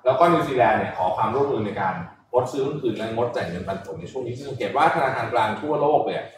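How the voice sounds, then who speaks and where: Animated man explaining, roomy echo. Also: medium pitch, rapid-fire, distant mic, noisy background. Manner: lively, animated explaining with laughs. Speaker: host. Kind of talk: casual talk-show commentary. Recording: roomy echo from off-mic, faint ambience.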